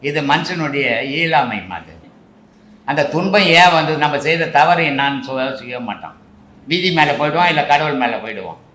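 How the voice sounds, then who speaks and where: An older man explains spiritual ideas to his listeners in a slightly high voice. He speaks colloquially and keeps asking rhetorical questions. The room around him is echoey. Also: animated, moderate pace, bright, forceful tone. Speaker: spiritual teacher. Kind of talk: answering devotees' questions.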